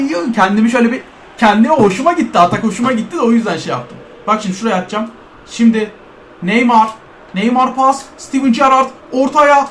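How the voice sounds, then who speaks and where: Excitable man calling his own football game. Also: very high voice, reverberant, a little hiss or hum. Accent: Turkish. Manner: play-by-play calls, shouting at chances, urging "bas bas". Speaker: gamer commentating his own match. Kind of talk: excited self-commentary while playing.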